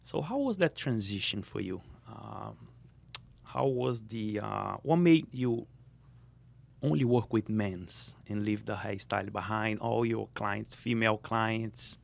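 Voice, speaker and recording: A man's voice: lowish voice, measured pace, creaky. A man hosting a podcast interview, welcoming with energy and asking questions with frequent restarts. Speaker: podcast host. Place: podcast studio.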